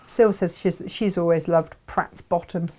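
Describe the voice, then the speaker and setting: A woman's voice: fairly low pitch, fairly even intonation, a little slow, mellow. A woman co-hosting a live show in a casual, jokey way, reading out and reacting to viewers' messages. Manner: chatty, jokey.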